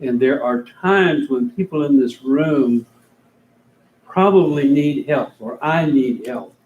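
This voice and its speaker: A man's voice: medium pitch, lively intonation, slow pace, a little mellow. A man in a training session politely interrupting the instructor to praise a list and ask for help later. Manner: polite, appreciative. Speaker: training participant. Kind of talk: classroom comment. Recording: echoey room, dull lo-fi sound.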